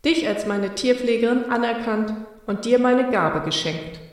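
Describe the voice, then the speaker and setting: A woman voicing a wise, solemn female sea serpent spirit who speaks in a measured, ceremonious way. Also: on the high side, heavy reverb, in a large hall, far from the mic, close to an everyday voice.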